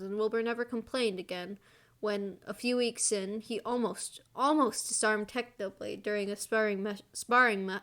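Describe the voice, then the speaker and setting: A woman's voice: on the high side, fairly bright tone. A woman streamer reading a fan story aloud and teasing friends on a voice call. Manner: playful, teasing.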